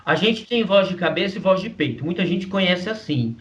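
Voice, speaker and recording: A man's voice: sits high, expressive, brisk, a bit bright. A man with a Brazilian Portuguese accent teaching a voice lesson, explaining patiently, often checking in with his listener, and demonstrating vocal registers. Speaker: singing teacher. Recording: distant mic, dull muffled sound.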